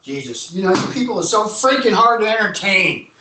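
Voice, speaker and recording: A man's voice: high-pitched, lively intonation, a little fast, echoey room, noisy background. A man hosting a casual live stream from home, joking and rambling as he shows things to his viewers. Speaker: host.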